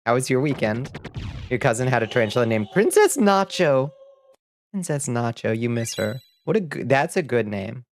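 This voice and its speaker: Over soft background music, a man with a medium-pitched voice and big pitch swings talks at a moderate pace. He's casually chatting with viewers as he streams a game, reading out their messages, rambling, laughing readily, and sounding a bit sniffly.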